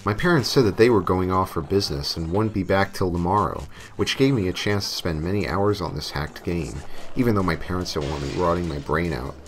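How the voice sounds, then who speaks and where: With a low voice, fairly quick and with hardly any pauses, a man reads a scripted story as narrator, tongue-in-cheek and occasionally hamming up his lines. A little hiss or hum comes through, along with novelty songs and game music playing behind.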